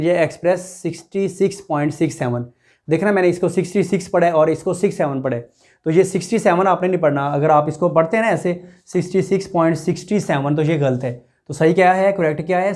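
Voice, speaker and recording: A man's voice: fairly high pitch, darkish tone. A man teaching a math lesson, explaining each step and asking his students rhetorical questions as he works through the numbers. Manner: addresses students directly and repeats numbers.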